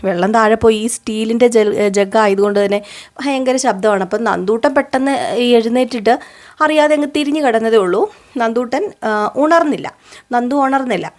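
A woman's voice: fairly high pitch, brisk. A woman who hosts a recap channel, retelling an episode of a TV serial in a chatty way and talking straight to her viewers. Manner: storyteller, talks straight to viewers with asides.

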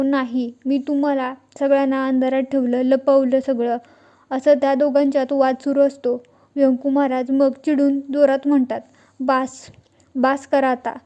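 High, flat-voiced woman narrating a recap. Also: muffled recording. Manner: reads out character dialogue in her own plain voice. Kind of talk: scripted plot recap narration.

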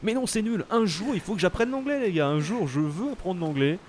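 A young French man giving casual, animated commentary while playing a video game, exclaiming at the action. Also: high voice, a little fast, a little hiss or hum. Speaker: let's play host.

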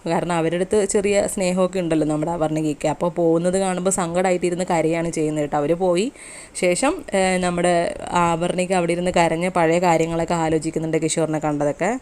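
Fast-talking woman recapping a serial. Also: on the low side, steady tone, darkish tone. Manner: chatty, conversational retelling. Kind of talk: casual spoken episode recap.

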